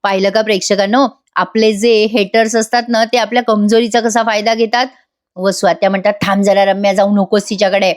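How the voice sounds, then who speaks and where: Brief: woman reviewer, chatty voice-over, slightly high voice. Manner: chatty, addresses viewers directly. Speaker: TV serial reviewer.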